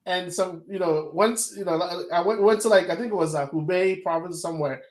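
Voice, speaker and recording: A man from Ghana, hosting a casual conversation and telling stories with lively energy. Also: sits high, fairly quick, echoey room.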